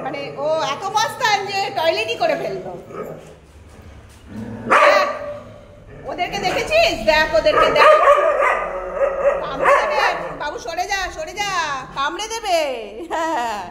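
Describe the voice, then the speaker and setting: Woman baby-talking her dogs outside, high voice, swoops up and down, echoey and noisy, barking behind. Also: sing-song, unhurried, pauses often. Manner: coaxing, sing-song baby talk to dogs. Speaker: dog owner filming her pet. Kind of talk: casual talk to dogs.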